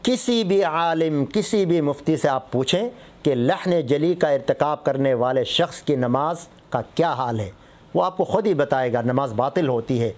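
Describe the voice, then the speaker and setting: A middle-aged man teaching as a mufti, his voice sitting noticeably high. He explains patiently, setting similar words against each other to show how the meaning shifts. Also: expressive, a little mellow. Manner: explains patiently with contrasting word examples. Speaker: mufti teaching Islamic rulings. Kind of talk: religious lesson on Quran recitation.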